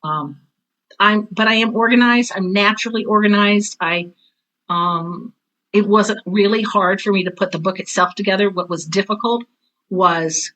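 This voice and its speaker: Speaking at normal speed, this middle-aged or older woman has a bright, mid-range voice and a forceful tone, captured with lo-fi sound. As an interview guest and theater teacher turned author, she tells personal stories casually. She's candid and emphatic, often repeating phrases for stress.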